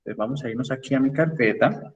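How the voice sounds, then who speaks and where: A man's voice: medium pitch, fast, far from the mic, muffled recording. A man lecturing an engineering class online, explaining step by step and checking in with his students as he goes. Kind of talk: online class with screen sharing.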